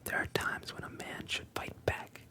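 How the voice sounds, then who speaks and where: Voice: moderate pace, sharp tone, lightly acted. Luffy, a defiant boy, whispered by the narrator. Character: boyish hot-headed young pirate hopeful. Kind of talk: ASMR whispered retelling of a cartoon.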